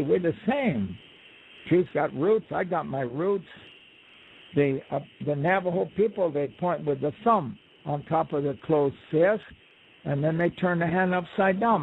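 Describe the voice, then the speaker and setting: A man with a slightly high voice spins folksy stories and jokes, slipping into little quoted voices. He is heard over a tinny phone line with a faint hiss behind him. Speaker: guest storyteller. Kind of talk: relaxed conversational storytelling.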